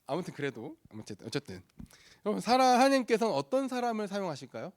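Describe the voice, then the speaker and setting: A young man preaching to a youth group, lively and playful, acting out voices in the story. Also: sits high, fast talker. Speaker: youth pastor.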